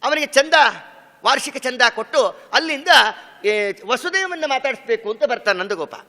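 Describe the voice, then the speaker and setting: High, bright-voiced man giving a discourse. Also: animated, moderate pace, in a large hall. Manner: storytelling, asks questions and answers them, breaks into song. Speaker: swami giving a religious discourse. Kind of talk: devotional discourse with sung verses.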